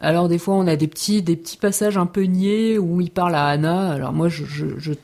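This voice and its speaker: A woman's voice: lowish voice, fairly even intonation, brisk, a little mellow. A young woman co-hosting a casual podcast, frank and hesitant, with many fillers. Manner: hesitant, frank, laughs often. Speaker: podcast co-host. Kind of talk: casual chat.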